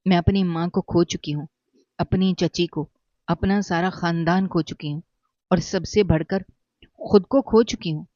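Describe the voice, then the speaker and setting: A man's voice: high-pitched, fairly even intonation, mellow, no echo, natural voice. A man voicing a bitter, wronged young mother who speaks coldly and scornfully, in a dull, dry recording.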